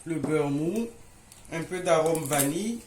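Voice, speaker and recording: A woman's voice: low-pitched, animated, unhurried. A woman hosting a casual home baking tutorial, chatting to viewers like friends and checking that they follow along. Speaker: home baking video host. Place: indoors in a home kitchen. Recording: echoey room with faint noise.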